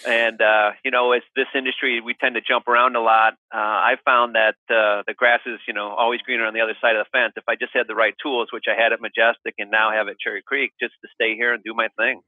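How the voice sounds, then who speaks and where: A middle-aged male guest talks casually in an interview. His mid-pitched voice comes through a narrow, phone-like line with no room echo. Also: little pitch movement, quick pace, hardly any pauses. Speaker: podcast guest, mortgage professional.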